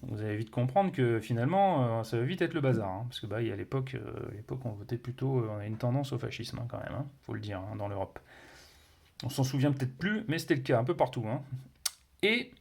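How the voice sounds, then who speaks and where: A man's voice: mid-range voice, lively intonation, fast, gravelly, darkish tone. A man reviewing a board game, explaining its rules casually with many fillers, restarts and playful sound words. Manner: hesitant, many fillers and self-corrections.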